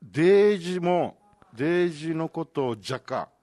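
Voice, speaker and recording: An older man, chatting in a relaxed, folksy way and mixing in local dialect. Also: a little high, normal speed, dry recording. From Okinawa. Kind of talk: casual chat.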